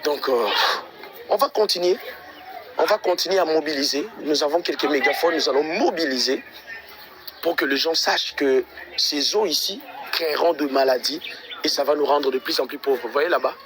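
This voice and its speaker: A man's voice: a little high, moderate pace, fairly bright tone, slight background noise. A man out of breath, walking residential streets outdoors and talking to his livestream viewers in an exasperated, repetitive way. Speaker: livestream vlogger.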